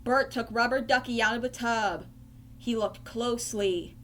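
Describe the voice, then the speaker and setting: A woman reading a children's storybook aloud in a slow, clear storytelling manner. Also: a little high, fairly bright tone, slight background noise. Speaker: storybook reader.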